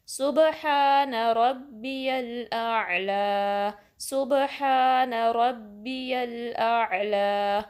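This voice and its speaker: Woman teaching slow, drawn-out recitation. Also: fairly high pitch, darkish tone. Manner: patient, explains each sound, then recites slowly with stretched syllables; keeps checking in with "theek hai". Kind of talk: step-by-step recitation lesson.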